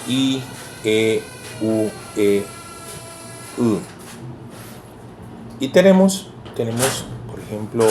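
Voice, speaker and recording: A male language teacher with a Venezuelan Spanish accent, giving a deliberate lecture in which he sounds out syllables one at a time. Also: fairly low pitch, darkish tone. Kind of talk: explanatory lecture. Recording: echoey room with faint background hiss.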